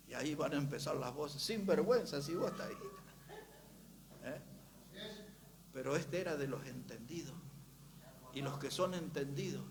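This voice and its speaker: A man preaching a sermon in a church, rising to loud, emphatic reading of scripture. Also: medium pitch, background noise. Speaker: pastor.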